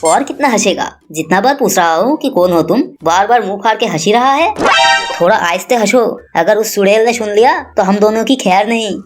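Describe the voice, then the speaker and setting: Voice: medium pitch, brisk, lightly acted. A performer voicing a brash, bossy young married man in a cartoon, over background music. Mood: exasperated.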